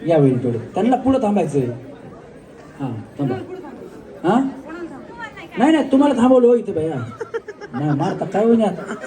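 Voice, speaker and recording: High-pitched male emcee who banters and bosses players around, recorded from afar over a crowd. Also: dark tone. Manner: joking, coaxing crowd instructions. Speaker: game show host. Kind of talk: live stage game hosting. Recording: distant mic with crowd behind.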